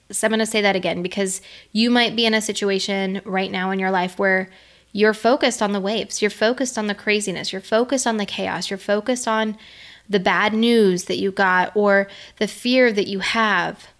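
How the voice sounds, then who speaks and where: A middle-aged woman giving an earnest, conversational faith-based motivational talk, laughing now and then. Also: mid-range voice.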